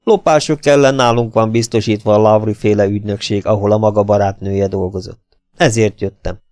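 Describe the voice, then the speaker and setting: A man voicing a calm middle-aged private detective in an audiobook, speaking in a cool, measured way. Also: fairly low pitch, dry recording, voice pushed down, natural voice. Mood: cold.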